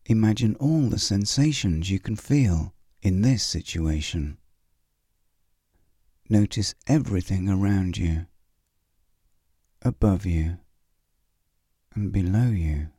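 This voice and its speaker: A man leading a guided visualization meditation in a calm, soothing way, with long pauses. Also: deep voice, slightly rough, no echo, clean studio sound.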